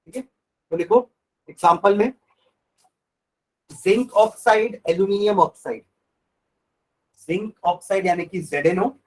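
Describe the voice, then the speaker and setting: A male science teacher giving a classroom lecture, dictating notes slowly and repeating phrases, mixing Hindi and English. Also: sits high, rough recording.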